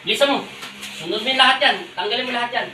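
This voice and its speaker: A man's voice: extremely high pitch, rapid-fire, sharp tone, a little hiss or hum. A man working as a folk healer who scolds and interrogates during a healing ritual, barking repeated commands. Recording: echoey room from far off.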